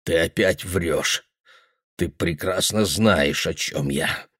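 A man's voice: sits low, slow pace, a bit bright, slightly rough, no echo, studio quality, voice pushed down, full character voice. A man reading aloud and voicing a furious grown father whose voice comes out choked and strained. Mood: seething. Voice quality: tight, choked voice.

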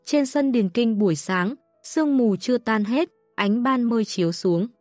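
A woman narrating an audiobook in a steady, even reading voice. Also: on the high side, normal speed, no room sound, faint music behind. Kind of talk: scripted narration.

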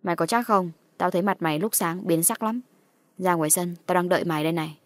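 A woman's voice: on the low side, fast, dry recording, close to an everyday voice. A woman voicing a phantom caller who poses as a friend in an audio horror story, coaxing and taunting.

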